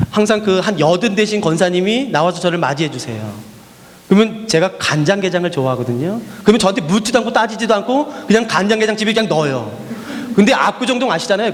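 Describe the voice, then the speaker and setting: Male preacher, high voice, lively swooping delivery, long hall echo. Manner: animated storytelling with repeated refrains and rhetorical questions. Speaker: missionary preacher. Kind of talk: sermon. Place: church hall.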